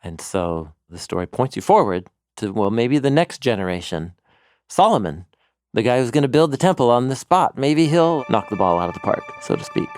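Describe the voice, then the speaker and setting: A man co-hosting a podcast, explaining biblical stories in an animated conversational teaching manner, quoting scripture along the way. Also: mid-range voice, moderate pace, no room sound, studio quality, faint music behind. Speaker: co-host and Bible teacher.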